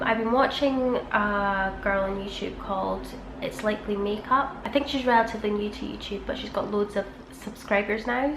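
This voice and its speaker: Recorded in an echoey room by a busy road, with traffic audible behind her, a woman chats through her makeup. She's a beauty vlogger doing get-ready-with-me talk, her medium-pitched voice creaky and blocked up from a cold.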